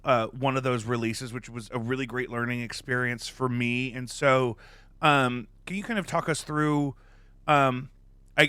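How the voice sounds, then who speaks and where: A man's voice: mid-range voice, pushed and bright, clear, resonant tone, no room sound. A man hosting a podcast while eating, asking rambling, joking questions full of fillers. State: eating during the show. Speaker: podcast host. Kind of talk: casual interview chat.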